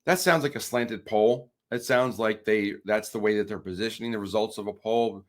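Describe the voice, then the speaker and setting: A man's voice: lowish voice, moderate pace. A man hosting a crypto channel, reading news articles aloud with wry asides and frequent restarts.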